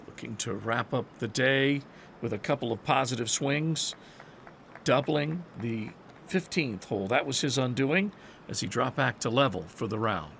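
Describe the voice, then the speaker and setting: A man calling golf play-by-play in short, measured broadcast phrases. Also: mid-range voice, expressive, vocal fry, fairly bright tone, a little hiss or hum. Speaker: golf commentator.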